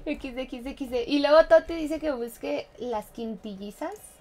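A woman's voice: high-pitched, unhurried, darkish tone. A Mexican woman streamer chatting casually with her live viewers in a playful, chatty way, laughing often and humming little tunes. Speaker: game streamer.

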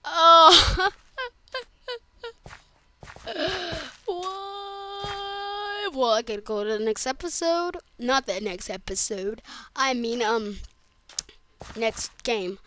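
A woman giving casual gameplay commentary, excitable and yelping and groaning at the game. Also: fairly high pitch, slow, a little hiss or hum. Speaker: gaming channel host.

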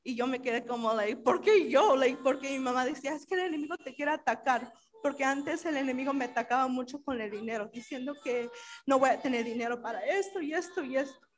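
A young woman giving an animated church testimony, slipping freely between Spanish and English as she tells her story. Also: high voice, brisk. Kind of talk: spoken testimony at a church service.

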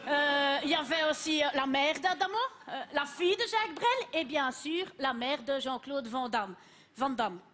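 Brief: woman as a chatty Belgian cleaning lady with a Belgian accent, high voice, faint room hiss, stand-up sketch. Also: animated, normal speed, fairly bright tone. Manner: rambling, confidently wrong. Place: TV studio stage.

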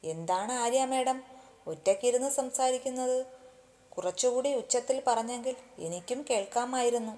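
Storybook: a jokey, coaxing young male coworker, as a woman narrator puts him on, mellow tone. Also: mid-range voice, measured pace, pauses often, natural voice. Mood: teasing.

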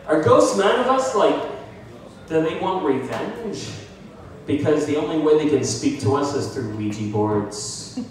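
Animated man doing stand-up in a bar. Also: a little high, slow pace. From United States. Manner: self-deprecating, animated, puts on voices for bits. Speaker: stand-up comedian. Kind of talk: stand-up comedy set. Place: small bar with brick walls, indoors. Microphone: handheld mic, filmed by a phone from the audience. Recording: echoey bar from far off. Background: audience laughter.

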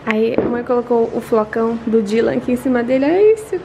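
High-voiced chatty young vlogger woman. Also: animated, quick pace, vocal fry, noisy background. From Brazil. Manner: chatty, tells the day step by step to viewers. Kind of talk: casual family vlog narration. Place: at home. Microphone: handheld vlog camera.

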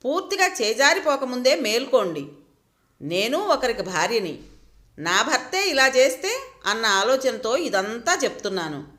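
A woman's voice: fairly high pitch, big pitch swings, normal speed, fairly bright tone. A woman voicing a hesitant, earnest young office typist.

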